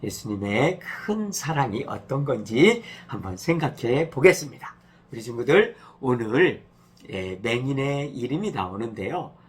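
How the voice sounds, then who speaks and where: Husky pastor telling children a story. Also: male voice, mid-range voice, very animated, measured pace. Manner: gentle storytelling to children, acting out cries. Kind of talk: children's sermon.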